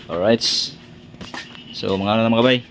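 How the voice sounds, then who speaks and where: A man's voice: fairly low pitch, normal speed, creaky. A man with a Filipino accent talking casually among friends. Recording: noisy amateur recording with animal sounds.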